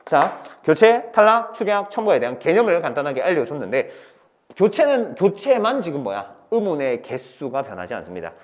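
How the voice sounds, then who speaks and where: A man gives a recorded grammar lesson, constantly asking his students questions and answering them himself. His voice sits a little high and leaps around with animated intonation. He keeps it chatty and playful. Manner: lively, asks and answers his own questions, playful sound words. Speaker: Korean grammar teacher. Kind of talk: online lecture to students.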